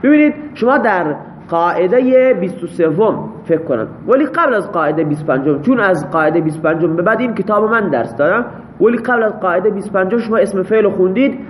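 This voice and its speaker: Male teacher with a fairly high voice and a faint hum of room noise behind him, walking a class through grammar examples one by one and checking in with students. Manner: parses example sentences step by step, checks with students.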